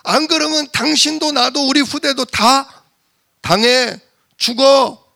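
A man's voice: extremely high pitch, takes it slowly, gravelly, bright, forceful tone, pitched above the performer's own voice, full character voice. A male preacher voicing an exasperated wife who scolds and pleads with her husband. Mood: scolding.

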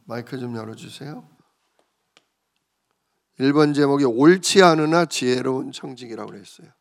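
A man preaching a sermon as a pastor, retelling a parable with lively storytelling and questions to the congregation. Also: medium pitch, moderate pace.

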